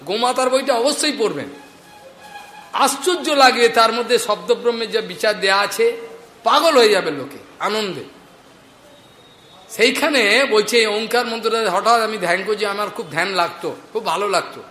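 A man's voice: high voice, lively intonation, normal speed, bright, forceful tone, a little hiss or hum. A man preaching a devotional sermon, telling stories with laughs as he goes. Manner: storytelling with laughs, retelling a conversation. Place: hall in a market. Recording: echoey hall with faint ambience.

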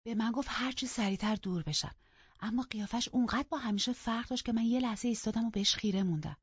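A reader voicing Catherine, an excitable young woman, in an audiobook, speaking breathlessly as the excitement builds. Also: mid-range voice, slightly rough, no echo, voice pushed up, close to an everyday voice. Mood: excited. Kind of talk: audiobook character reading. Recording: dull lo-fi audiobook recording.

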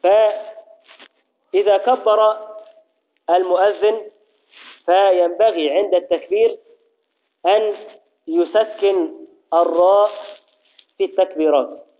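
A man teaching a religious lesson, explaining step by step, reciting formulas slowly and often checking that his students follow. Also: high-pitched, steady tone. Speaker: Islamic jurisprudence teacher. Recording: tinny phone-like audio.

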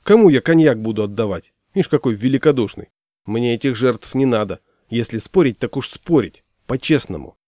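A man's voice: mid-range voice, lively intonation, moderate pace, dark tone, no room sound, clean studio sound, lightly acted. A man voicing a smug, bookish friend who talks in an ironic, lecturing way.

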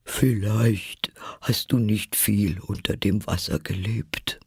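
A man voicing a weeping, sorrowful mock turtle in an audiobook, breathy and hushed, drawing his words out mournfully. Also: lowish voice, fairly even intonation, slow, no room sound, clean studio sound, heavily acted.

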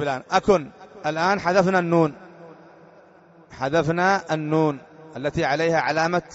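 A man teaching a grammar lesson as a sheikh, repeating each point and putting short questions to his students. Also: fairly high pitch. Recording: dull lo-fi lecture recording.

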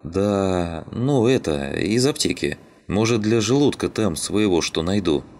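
A nervous, sickly young man who mumbles evasive answers, as a man puts him on. His voice lifts above the reader's very deep tone, whiny and uneasy. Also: lively intonation, measured pace, a little mellow.

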